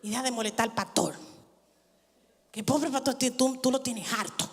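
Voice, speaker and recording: High-voiced woman pastor preaching. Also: moderate pace. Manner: expressive, with sarcasm and humor. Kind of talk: sermon. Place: church. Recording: church hall reverb.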